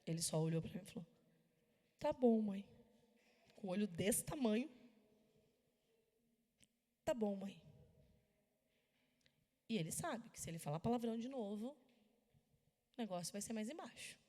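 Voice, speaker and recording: Animated Brazilian woman preaching in a reverberant hall. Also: medium pitch, quick pace. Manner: animated storytelling with sudden loud bursts. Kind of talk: sermon. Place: church hall.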